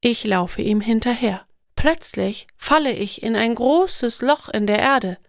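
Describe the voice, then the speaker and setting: A woman narrating stories for language learners in a slow, clear, deliberate scripted reading. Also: on the high side, lively intonation, no room sound, studio quality.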